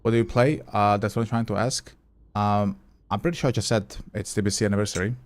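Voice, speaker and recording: A man with a slightly low voice streaming a game live. He chats loosely with his viewers between moves and thinks out loud about what to try next, dropping the odd curse along the way. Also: steady tone, quick pace. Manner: chatty, answers viewer chat while playing; swears casually, thinks aloud. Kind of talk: casual live gameplay commentary.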